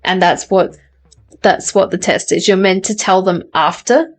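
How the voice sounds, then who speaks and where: A woman's voice: mid-range voice, a little slow. A woman hosting a live tarot stream, chatting casually with viewers and laughing often at herself. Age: adult. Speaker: tarot reader and livestream host. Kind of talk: casual chat reading out viewer comments.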